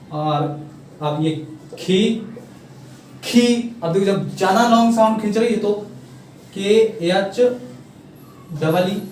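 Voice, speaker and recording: Male teacher, high voice, recorded from afar, drills letters out loud and asks whether the class is following. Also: a little hiss or hum. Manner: repetitive, drills letters aloud, checks on students. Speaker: English teacher. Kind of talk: classroom lesson explaining spelling. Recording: far-off echoey room with faint ambience.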